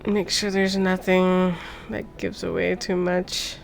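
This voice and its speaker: Slow, level, and creaky, this lowish voice belongs to a thirty-something streamer who rambles through casual chat and personal stories, swearing freely. Background music plays throughout.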